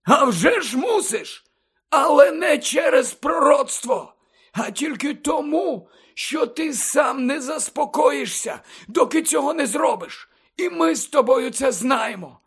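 A man voicing an elderly wizard headmaster who lectures urgently and emphatically, often close to shouting, in an audiobook reading. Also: very high voice, animated, measured pace, pitched above the performer's own voice, full character voice. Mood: impassioned. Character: elderly male wizard headmaster, fervent and impassioned.

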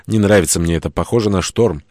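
A man's voice: low-pitched, fast, a little mellow, no room sound, clean studio sound. A man reading an audiobook, voicing a cautious fisherman who speaks in a worried, matter-of-fact way.

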